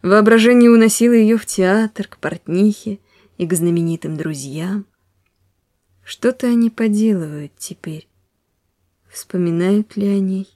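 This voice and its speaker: Soft-spoken woman narrating a classic story. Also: medium pitch, a little slow, no echo, clean studio sound. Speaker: reader. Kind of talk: scripted literary narration.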